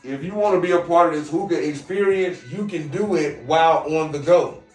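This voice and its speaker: With a slight Southern US twang, a podcast host holds forth in a casual monologue at a hookah lounge, lecturing his viewers in a brash, direct manner. His voice is high-ish and a little mellow, and he talks briskly. A distant mic picks him up in a roomy space with music in the background.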